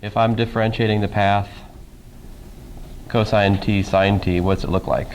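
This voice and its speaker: A man's voice: fairly low pitch, steady tone, normal speed, a little mellow, slight background noise, rough recording. A man teaching a college calculus class in a casual lecture style, with dry sarcastic humor and questions tossed to the students. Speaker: math professor.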